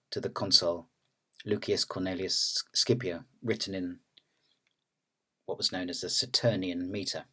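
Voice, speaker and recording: A man narrating an academic lecture in a measured, explanatory way. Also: low voice, fairly bright tone, husky.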